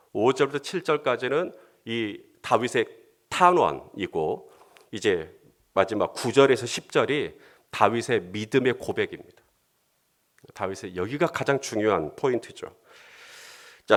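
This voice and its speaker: A man pastor giving a conversational sermon, sometimes voicing heartfelt prayers with rising emotion and leading the congregation in reading scripture. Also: medium pitch.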